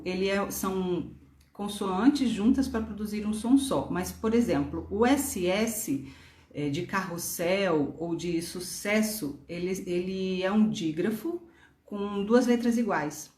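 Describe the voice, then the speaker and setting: A woman's voice: on the low side, darkish tone. A woman teacher with a Brasília Portuguese accent, patiently explaining grammar and spelling words out letter by letter. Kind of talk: online grammar lesson. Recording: echoey room.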